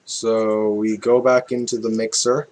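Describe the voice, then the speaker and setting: Guy doing a chill music tutorial, slow and easygoing, lots of ums and self-corrections, music in the background. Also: lowish voice. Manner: relaxed, thinking aloud with fillers and self-corrections. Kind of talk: casual screen-recorded music tutorial.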